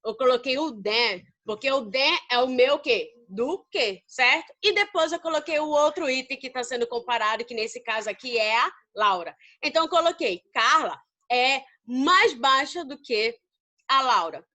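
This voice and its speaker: Brazilian woman teacher, high-pitched and bright, fond and chatty, asks and answers her own questions. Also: lively intonation, normal speed. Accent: Brazilian Portuguese. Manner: affectionate, calls students babies. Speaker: English teacher. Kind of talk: recorded grammar lesson.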